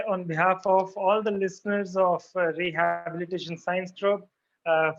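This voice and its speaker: A moderator speaking in a formal, courteous, measured way while thanking a presenter and putting questions. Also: mid-range voice, fairly bright tone, muffled recording. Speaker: host, moderator.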